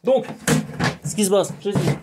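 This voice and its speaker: Heavy background noise surrounds this high-voiced French hypnotherapist, who talks a little fast to camera in his garden. It's a repetitive, animated, rambling monologue aimed at the viewer as a dear friend.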